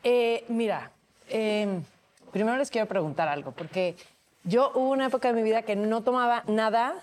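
Mexican woman telling an animated story. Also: on the high side, normal speed. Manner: animated storytelling, acts out quoted voices. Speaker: panelist on a talk show. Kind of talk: casual chat.

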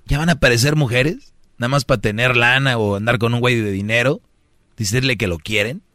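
A man's voice: mid-range voice, brisk, pushed and bright, dry recording, clean studio sound. A man with a Mexican accent, hosting a casual chat and giving brash, slangy dating advice with acted-out quotes.

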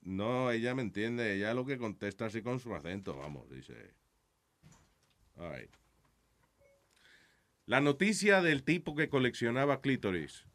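A man's voice: mid-range voice, very animated, measured pace, long pauses, fairly bright tone. A man hosting a casual talk show, laid-back and mixing Spanish with English. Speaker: show host. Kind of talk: casual chat show banter.

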